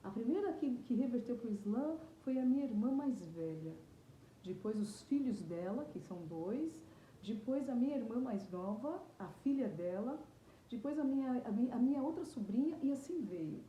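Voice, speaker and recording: This is a middle-aged woman with a Brazilian Portuguese accent, telling her story with earnest, halting sincerity. Her voice sits on the high side yet sounds dark and mellow. She is recorded in an echoey room with faint background noise. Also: animated, muffled recording. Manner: earnest, halting with repeated restarts. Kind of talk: emotional personal testimony.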